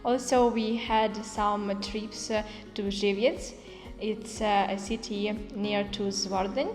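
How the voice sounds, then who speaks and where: A woman answering haltingly, searching for English words. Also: mid-range voice, steady tone, a little mellow. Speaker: project participant. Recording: reverberant hall with faint music.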